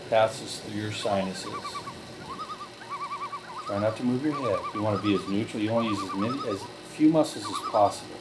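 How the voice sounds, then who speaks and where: A man leading a relaxation group through guided breathing, giving slow, calm step-by-step directions. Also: medium pitch, background noise.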